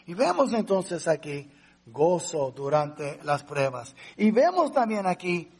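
Pastor guy preaching, kinda high raspy voice, chatty and emotional, keeps asking the church questions. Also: big pitch swings, takes it slowly. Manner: conversational preaching, addresses listeners as brothers; asks rhetorical questions to the congregation. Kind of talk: sermon.

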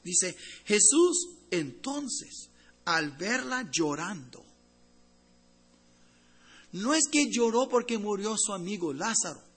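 Husky, bright-voiced Spanish-speaking preacher. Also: male voice, high-pitched, lively intonation, slow, pauses often. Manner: swings between loud emphatic and hushed tender delivery; addresses congregation as brothers. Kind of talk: sermon.

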